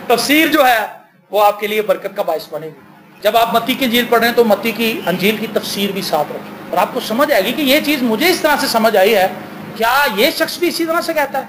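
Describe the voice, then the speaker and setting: A man's voice: very high voice, fairly bright tone, a little hiss or hum. A man with a Pakistani accent preaching as pastor, building to emphatic, rising bursts and slipping into Punjabi for quoted talk. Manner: slips into Punjabi for quoted dialogue. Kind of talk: sermon.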